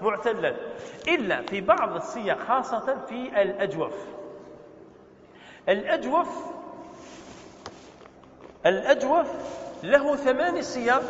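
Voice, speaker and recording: A man with a high voice teaches a grammar class in a mosque. He drills verb forms and fires short questions at his students. The recording is muffled, with a long, roomy reverb. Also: fairly bright tone, slight background noise. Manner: quizzes students with quick questions. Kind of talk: Arabic grammar lesson. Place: mosque hall. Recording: echoey muffled hall recording.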